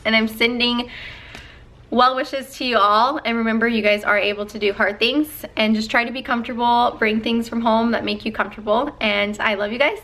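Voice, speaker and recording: A woman's voice: a little high, fairly even intonation, normal speed, fairly bright tone. A young woman vlogger talking casually and earnestly as she gives advice, with lots of ums and likes. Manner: earnest, chatty, many fillers.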